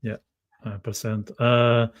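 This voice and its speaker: A man hosting a casual interview, talking in a halting way and often repeating his phrases. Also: mid-range voice, flat delivery, lo-fi sound. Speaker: podcast host.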